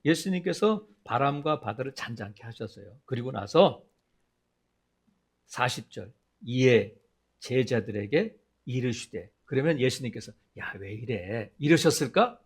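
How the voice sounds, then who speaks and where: Animated, husky-voiced Korean pastor preaching. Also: male voice, measured pace. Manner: lively preaching with many questions to the congregation; acts out quoted voices in a lowered tone. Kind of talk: sermon.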